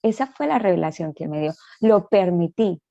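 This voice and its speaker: A woman tells her story in an earnest testimony, voicing her prayers as she goes. Her voice is dark and mellow and sits fairly low. The sound is dry and a little dull. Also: expressive, moderate pace, creaky, no room sound. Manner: earnest, reenacts her prayers in quoted speech. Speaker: guest. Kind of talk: personal testimony in a prayer talk.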